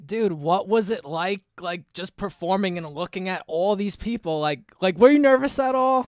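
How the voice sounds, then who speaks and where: A man's voice: high voice, animated, moderate pace, no echo. A man hosting a podcast, asking casual, rambling interview questions full of fillers into a close microphone. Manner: loose and filler-heavy, circles around his questions. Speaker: podcast host.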